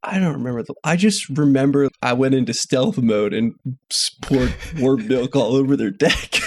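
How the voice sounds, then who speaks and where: A man's voice: mid-range voice, normal speed. A young man chatting on a casual podcast in a medium, average voice. He tells stories with an easy laugh and teasing humor. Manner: laughs often, jokey, breaks into silly sing-song. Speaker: podcast co-host. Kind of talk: casual chat.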